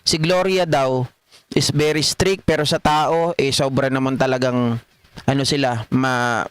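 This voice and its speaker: A man's voice: mid-range voice, fairly even intonation, unhurried, clean tone, no echo. A middle-aged Filipino man hosting a political livestream, reading viewer comments in a chatty way and laughing often. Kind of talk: casual live commentary reading chat.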